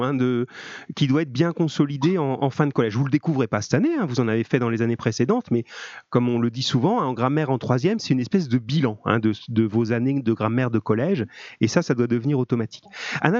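A man's voice: medium pitch, darkish tone, dry recording, lo-fi sound. Encouraging male teacher on a call. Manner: encouraging, chatty, many fillers. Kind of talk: live online grammar class.

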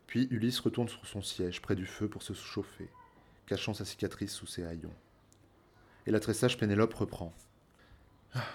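Calm deep-voiced male storyteller. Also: husky. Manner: calm, measured, softly dropping phrases. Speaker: narrator. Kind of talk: storybook reading of a myth.

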